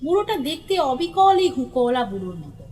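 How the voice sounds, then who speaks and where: A woman reading a classic children's story aloud in a lively, expressive way. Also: sits high, brisk. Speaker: narrator.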